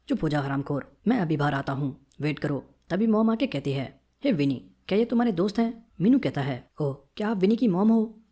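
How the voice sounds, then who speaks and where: Mellow-voiced woman narrating a story. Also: mid-range voice. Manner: steady reading that voices every character in the same tone. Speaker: storyteller recapping a comic series. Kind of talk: scripted narration.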